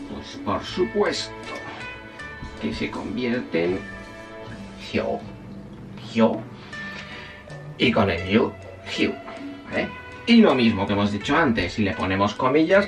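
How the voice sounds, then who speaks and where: A man's voice: medium pitch, far from the mic. A man teaching a casual spoken language lesson, chatty and self-correcting, often checking in with his listeners.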